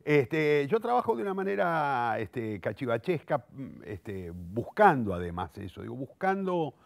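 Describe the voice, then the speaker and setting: A gravelly, mid-range male voice with big pitch swings proceeds at a measured pace, free of echo. The man, in his sixties and speaking Rioplatense Argentine Spanish, is a playwright, director and theatre teacher being interviewed. He's reflective and eloquent, thinking aloud, correcting himself, and repeating words while looking for the next.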